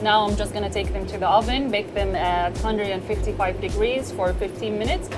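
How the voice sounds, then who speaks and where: In a kitchen, a woman chef from eastern Saudi Arabia gives a cooking demonstration, calmly walking through the recipe step by step. Her pitch is ordinary and her tone gently encouraging. Background music is clearly audible behind her.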